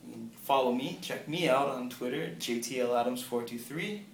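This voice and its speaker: A man's voice: medium pitch, moderate pace. Easygoing man hosting a sports podcast. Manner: easygoing, laughs at himself. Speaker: podcast host. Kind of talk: casual sports podcast chat. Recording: echoey room with faint ambient noise.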